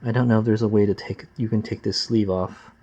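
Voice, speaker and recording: A man talking casually and plainly like a gruff home mechanic while working at his bench, with slangy, unpolished asides. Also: fairly low pitch, fairly even intonation, fairly quick, warm tone. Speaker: amateur motorcycle mechanic, vlog host. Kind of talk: casual hands-on workshop narration. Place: workbench, close to the camera. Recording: slightly dull, lo-fi camera audio.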